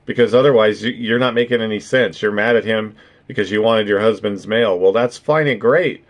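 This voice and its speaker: A man's voice: on the low side, fairly quick. A man giving casual, rambling reaction commentary, swearing freely and tacking "right?" onto his points. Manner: rambling, profane, keeps adding "right?". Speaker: streamer reacting to videos.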